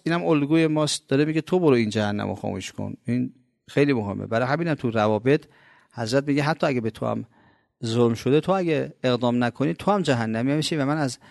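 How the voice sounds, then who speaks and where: Male preacher from Iran, gravelly, conversational sermon with emphatic swells and rhetorical questions. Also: fairly high pitch, no echo, clean studio sound. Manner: emphatic, rhetorical questions, sudden loud rises then soft asides. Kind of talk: colloquial religious sermon.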